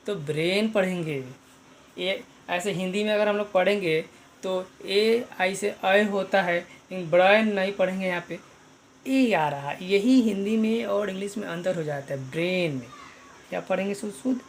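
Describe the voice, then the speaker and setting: In an online pronunciation lesson, a man spells out letters and repeats each sound, often calling his viewers friends. His voice sits high, with vocal fry and a moderate pace, over slight background noise.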